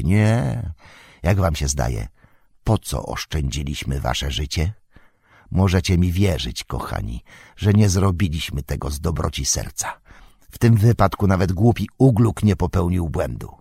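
Audiobook orc: sly, creepy, hissing whisper, low and slow, man voicing it. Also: creaky, husky, no echo, clean studio sound, heavily acted. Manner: soft hissing menace, slow and wheedling.

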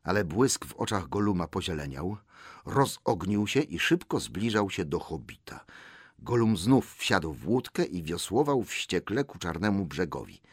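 A man reading an audiobook aloud in an expressive style that builds suspense. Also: low voice, measured pace, slightly rough, no echo, studio quality. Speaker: audiobook narrator. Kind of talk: dramatic audiobook narration.

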